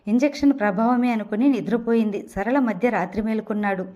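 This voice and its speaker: A woman's voice: a little high, fairly quick, warm tone. Woman narrating an audio novel. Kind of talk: scripted narration.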